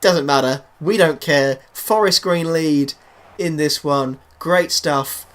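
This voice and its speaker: A man commentating over his own football video game, calm and low between plays and bursting into loud excitement at goals. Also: slow pace. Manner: excitable, shouts goals then drops to a low murmur. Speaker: gaming YouTuber.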